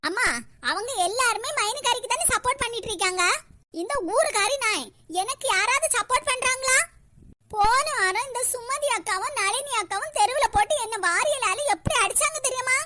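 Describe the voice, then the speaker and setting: A woman's voice: very high-pitched, brisk, sharp tone. A woman voicing a scheming young woman in a cartoon, with a Kanyakumari Tamil accent and gloating asides. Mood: complaining.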